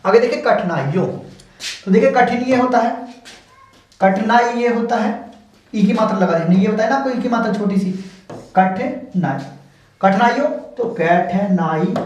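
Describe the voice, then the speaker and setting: Echoey Hindi shorthand teacher, distant mic. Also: male voice, high-pitched. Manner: patient, repetitive explaining. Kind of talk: step-by-step stenography lesson. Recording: very echoey room, mic far off.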